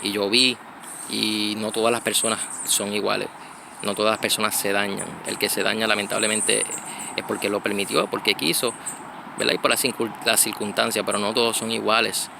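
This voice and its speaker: Outdoors, a church brother from Connecticut in the United States offers a casual spoken reflection, stopping and restarting often and using many fillers. His low, gravelly voice moves little in pitch and runs fairly quick. Insects and passing traffic are clearly audible behind him.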